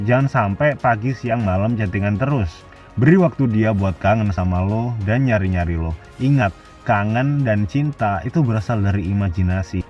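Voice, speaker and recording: Man, blunt casual advice voice-over, low voice, distant dull recording, soft music behind. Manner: blunt slangy Jakarta-style casual talk. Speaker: dating advice host. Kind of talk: scripted motivational voice-over.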